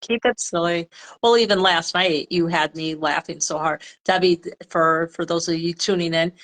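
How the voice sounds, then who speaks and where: A woman's voice: fairly low pitch, fairly even intonation, moderate pace, fairly bright tone. Easygoing woman co-host, chatty. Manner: easygoing, sprinkles "like" through her talk. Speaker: podcast co-host. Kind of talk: casual chat. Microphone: webcam or video call mic.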